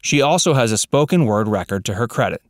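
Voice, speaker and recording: A man narrating a scripted voice-over, reading facts in an even, read-out way. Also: mid-range voice, fast talker, slight background noise.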